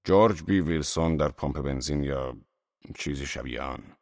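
A man's voice: rumbling low, gravelly, a little mellow, no echo, studio quality, voice pushed down. A man voicing an arrogant, brusque wealthy man who gives orders. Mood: mocking. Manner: commanding.

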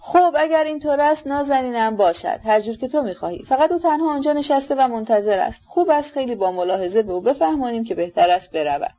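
A woman's voice: high-pitched, expressive, hardly any pauses, warm tone, highs cut off, voice pushed up. A woman reading a doting old general. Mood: coaxing. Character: older general, doting, indulgent father.

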